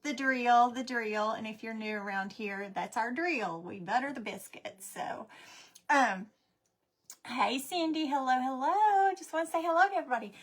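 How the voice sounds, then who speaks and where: A woman, chatty and excitable, hosting a live craft demonstration from home and greeting viewers by name. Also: on the high side, moderate pace. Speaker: craft live-stream host.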